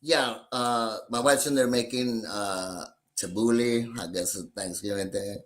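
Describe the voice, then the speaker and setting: Slow-talking, joking man in casual chat. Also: on the low side, fairly even intonation. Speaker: podcast co-host.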